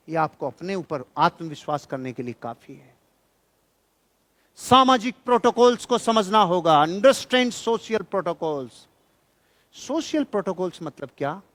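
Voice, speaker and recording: A man with a voice a little high and a fairly bright tone gives a motivational speech, recorded with no room sound. He preaches to the audience with emphasis and admonishment, repeating phrases for effect.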